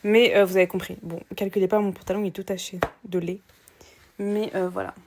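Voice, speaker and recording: With a medium-pitched voice that barely moves and a slightly fast delivery, a young new mother chats to camera from home. She speaks French with a slight foreign accent, uses lots of fillers, and calls her viewers girls. The indoor recording picks up faint background noise and clicks.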